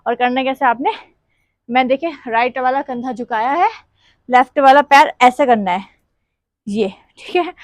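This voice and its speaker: A woman's voice: sits high, a little slow, pauses often, dry recording. A woman teaching a dance class step by step, counting beats aloud and half-singing song lines as she demonstrates.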